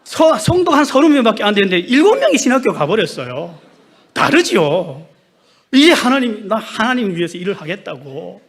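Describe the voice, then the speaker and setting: Male missionary preacher, high animated pitch, emphatic testimony-sermon delivery. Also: fairly quick, slightly rough. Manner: emphatic, rhetorical questions to the congregation.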